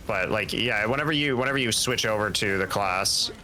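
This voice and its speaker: A man in casual gameplay chat, excitable and given to repeating his phrases, with faint game noise behind him. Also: fairly low pitch, brisk, low-quality recording. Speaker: video game streamer.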